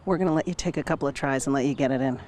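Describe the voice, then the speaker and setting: A woman's voice: a bass voice, rapid-fire, darkish tone. A woman reporting from a golf course for TV, playful and teasing with her interviewee. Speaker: TV sports reporter. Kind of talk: field reporting.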